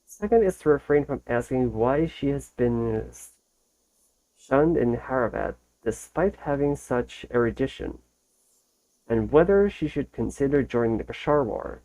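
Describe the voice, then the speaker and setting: In this low-quality recording, a man hosts a casual reaction video, reading text aloud somewhat haltingly and doubling back to fix phrases. He speaks at a medium pitch with lively intonation and a mellow tone.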